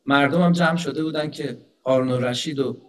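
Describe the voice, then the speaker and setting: A man giving a conversational religious lecture who tells stories, asks rhetorical questions and slows down to recite scripture. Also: mid-range voice. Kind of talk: Persian religious lecture with storytelling.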